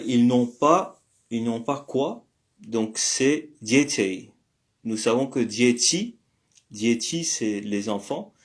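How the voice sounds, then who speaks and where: Slow, patient male language teacher. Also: medium pitch, darkish tone. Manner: patient, explains slowly with many pauses and fillers, corrects himself. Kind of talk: slow step-by-step language lesson.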